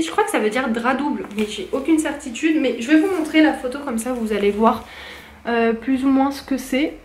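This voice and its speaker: Chatty young French woman, high voice. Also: echoey room, slight background noise. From France. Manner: chatty, many fillers and restarts. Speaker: vlogger. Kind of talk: casual haul vlog chat.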